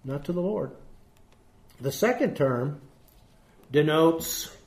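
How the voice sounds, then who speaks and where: A man's voice: a little high, expressive, takes it slowly. A man preaching a sermon as pastor, emphatic and putting rhetorical questions to his congregation. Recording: echoey room.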